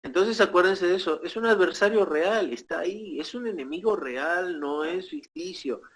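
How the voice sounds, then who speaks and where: A man preaching as pastor, teaching in a measured way with pauses and short tag questions to the congregation. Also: sits high, a bit bright, rough recording. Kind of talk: sermon.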